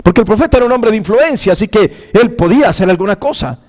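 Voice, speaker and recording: A male pastor retelling a scripture story in a sermon, dramatic, with exclamations and frequent halting restarts. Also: high-pitched, animated, a little mellow.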